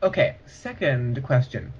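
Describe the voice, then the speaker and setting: Man player, mid pitch, hesitant questions, dull audio. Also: huge pitch swings, unhurried, slight background noise. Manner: hesitant, asks rules questions. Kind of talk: casual tabletop play.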